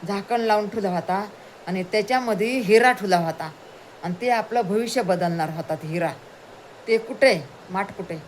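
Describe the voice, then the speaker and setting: A woman's voice: medium pitch, moderate pace, a little hiss or hum, lightly acted. A woman voicing a poor brahmin husband who asks anxious, repeated questions. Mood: demanding. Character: poor brahmin husband, hopeful then despairing.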